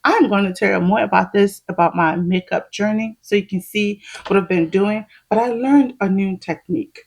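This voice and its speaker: Husky, gravelly woman vlogger. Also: mid-range voice, moderate pace, a little mellow, poor audio. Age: 30s. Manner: chatty, laughs often, shows and explains. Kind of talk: casual chat while doing makeup.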